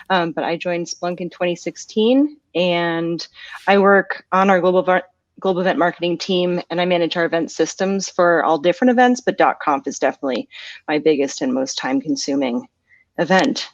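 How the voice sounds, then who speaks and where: A woman's voice: on the low side, fairly quick, dry recording. A woman guest chatting casually and laughing often, over a video call. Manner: giggly, bubbly. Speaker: guest, event marketing staff. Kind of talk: casual chat. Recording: dull, dry call audio.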